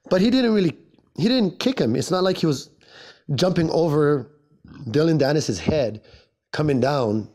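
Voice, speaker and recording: A hoarse man in his forties from Hawaii rambles through a solo podcast. His voice is mellow and dark, and worn rough from a cough. He is chatty and pokes fun at himself as he goes. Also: on the high side. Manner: rambling and chatty, self-mocking. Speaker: podcast host. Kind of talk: casual solo podcast chat.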